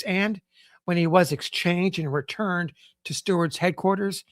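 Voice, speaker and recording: Man reading aloud, formal and measured, slightly high voice, dry close recording. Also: a bit bright, no echo. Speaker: podcast host. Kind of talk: reading a period newspaper sketch aloud.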